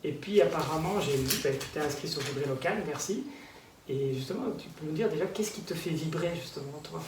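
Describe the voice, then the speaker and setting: A man hosting a casual interview, asking questions in a relaxed way with fillers. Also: fairly high pitch, fairly quick. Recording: echoey room, distant mic, clear background noise.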